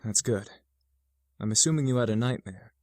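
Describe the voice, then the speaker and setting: An actor voicing a polite, composed, protective young gentleman in a video game. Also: on the low side, moderate pace, dry recording, studio quality, lightly acted. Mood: concerned.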